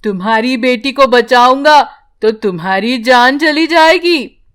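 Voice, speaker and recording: A woman voicing a magical male talking tree in an animated storybook, speaking slowly and gravely. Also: sits high. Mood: solemn. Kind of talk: storybook character voice.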